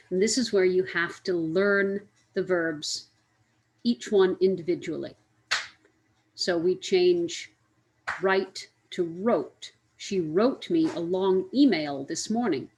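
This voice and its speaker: A woman with a fairly low voice explains grammar rules in a slow, deliberate way. She spells out letters one by one and repeats each example word so learners can follow. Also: darkish tone, rough recording. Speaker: English teacher. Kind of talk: grammar lesson.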